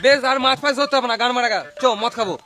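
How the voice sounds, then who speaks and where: Man playing a crude, high-pitched rural Bengali boozer. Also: very fast. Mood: irritated. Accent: rural West Bengal Bengali. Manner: coarse, bantering, swearing. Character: crude, bossy village man keen on drinking. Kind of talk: comedy skit dialogue. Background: music.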